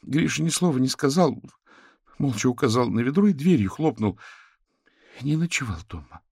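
A man's voice: mid-range voice, lively intonation, moderate pace, vocal fry, a little mellow, breathy edge, no room sound, studio quality, pitched above the performer's own voice. A man voicing a tired young mother who speaks tearfully and pleadingly in an audiobook.

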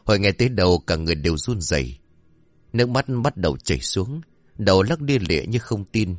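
A man narrating a horror story in a dramatic, expressive scripted reading. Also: low-pitched, a little fast, no echo.

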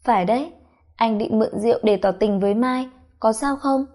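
A woman's voice: fairly high pitch, fairly quick, warm tone, close to an everyday voice. A woman voicing a tipsy, affectionate young husband who talks in a slurred, whiny, sugary way. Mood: tipsy teasing.

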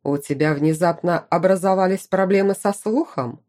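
A woman's voice: fairly low pitch, moderate pace, darkish tone, natural voice. A woman voicing a stern, commanding middle-aged duke and father in an audiobook. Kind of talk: audiobook character reading.

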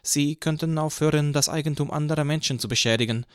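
A man reading an audiobook voices a young plainclothes policeman who questions and accuses in brisk, stern lines. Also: a little high, clear, resonant tone, dry recording, clean studio sound, voice pushed up, close to an everyday voice. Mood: accusing. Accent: slight foreign accent in speaking English, voiced in German.

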